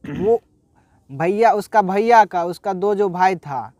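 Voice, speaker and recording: High-voiced man telling a slow story. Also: a little mellow, no room sound, studio quality. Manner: unhurried, halting retelling with restarts and acted quotes. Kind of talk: casual spoken religious story.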